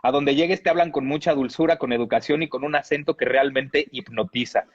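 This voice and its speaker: A man's voice: mid-range voice, a little fast, slightly rough, highs cut off. A man reading a humorous text aloud in a playful, amused storytelling manner, laughing now and then.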